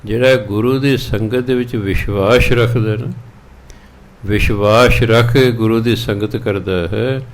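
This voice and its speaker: Brief: male Punjabi preacher, lowish voice, chants verses slowly, explains plainly. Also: steady tone. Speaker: Sikh preacher giving scripture exposition. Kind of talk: sermon explaining scripture line by line.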